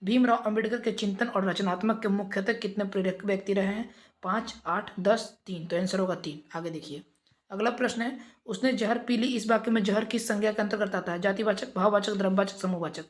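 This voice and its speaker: Man, brisk exam revision teacher, rattles through quiz options at speed. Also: high voice, steady tone. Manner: brisk, reads out quiz options, coaxing pupils.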